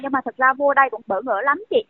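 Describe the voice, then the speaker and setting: Talking by telephone for an interview, a woman doctor in her thirties uses a high voice at a quick pace. There is slight background noise on the tinny, dry line, and she is earnest and conversational, often using fillers.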